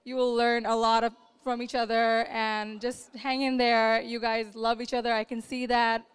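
A woman's voice: on the high side, flat delivery, moderate pace, smooth. A young woman giving a heartfelt wedding toast, offering advice and getting emotional.

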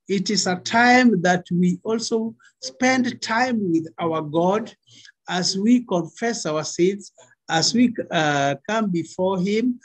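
Man, middle-aged, Kenyan accent, higher-pitched husky voice, pastor preaching, deliberate emphatic phrasing, video call. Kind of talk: spoken sermon exhortation on a video call. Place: small indoor room. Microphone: computer mic on video call.

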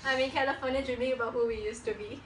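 Speaking rapid-fire in a voice on the high side, steady and a bit bright, a young adult vlogger giggles through casual talk to camera and prank calls. The setting is a small living room indoors. A camera a few steps away picks her up, so the recording is roomy, noisy and distant.

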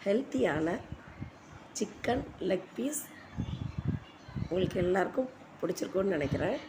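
A woman giving an informal recipe voice-over as a home cook, her voice hoarse and giving out. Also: mid-range voice, very animated, moderate pace. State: hoarse, voice giving out from a cold-weather strain. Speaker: home cooking video host. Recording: noisy home voice-over recording.

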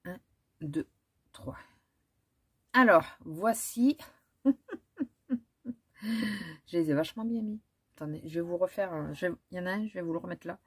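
Woman vlogger, husky, lowish voice, hesitant casual chat. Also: moderate pace, long pauses. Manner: chatty, hesitant, many fillers and restarts. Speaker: beauty vlogger. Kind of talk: casual haul chat with swatches.

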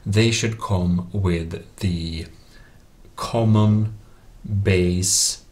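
Low, steady and darkish, this man's voice draws out its words as he casually explains a computer tutorial in non-native English, recorded as a voice-over for a screen capture.

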